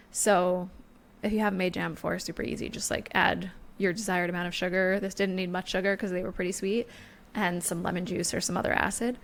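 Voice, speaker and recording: A woman's voice: mid-range voice, vocal fry, slight background noise. A woman in her thirties co-hosting a podcast, bubbly and enthusiastic in casual chat. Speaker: podcast co-host.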